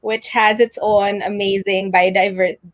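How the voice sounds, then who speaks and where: A woman's voice: mid-range voice, level tone, moderate pace. A woman co-host who asks the guest long, friendly questions in a casual interview.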